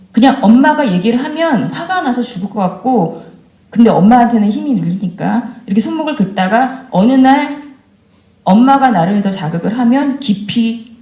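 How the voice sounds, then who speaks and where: A woman's voice: medium pitch, warm tone. A woman in her forties giving a candid, conversational talk to mothers and asking them questions. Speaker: education speaker addressing mothers. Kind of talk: lecture to parents. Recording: roomy echo of a lecture hall.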